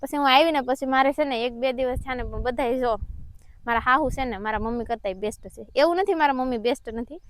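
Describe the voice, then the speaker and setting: A woman's voice: sits high, fast talker. A young woman, earnestly telling her own story in a casual vlog chat. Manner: earnest, personal, heartfelt storytelling. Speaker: vlogger.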